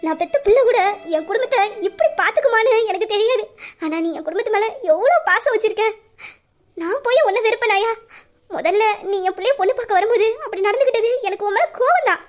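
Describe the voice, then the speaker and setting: A woman voicing a tender, emotional mother. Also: very high-pitched. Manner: emotional, tearful-happy, affectionate. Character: warm-hearted mother of the bride, middle-aged woman. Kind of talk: audio drama acting.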